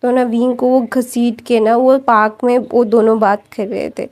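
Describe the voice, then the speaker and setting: A woman's voice: on the high side, flat delivery, moderate pace, a little mellow. A woman casually narrating a fan-fiction story aloud, in a chatty, repetitive retelling style.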